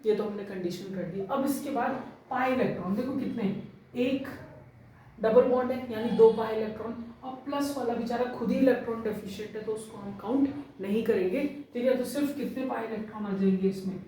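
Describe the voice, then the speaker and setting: A woman's voice: on the high side, fairly quick, dark tone, distant mic, slight background noise. Woman teacher in an echoey room. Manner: explains step by step, checks understanding with frequent "theek hai". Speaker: chemistry teacher. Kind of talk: classroom lecture mixing Hindi and English.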